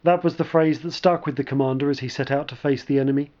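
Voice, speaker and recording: A man narrating a scripted story in a measured, dry storytelling manner. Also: mid-range voice, fairly even intonation, a little mellow, dull audio.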